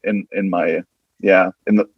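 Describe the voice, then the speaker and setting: His voice is deep, fairly even in intonation, and a little slow: a West German band guitarist with a German accent, chatting casually on a podcast and often repeating and restarting his words. The recording is dry and lo-fi.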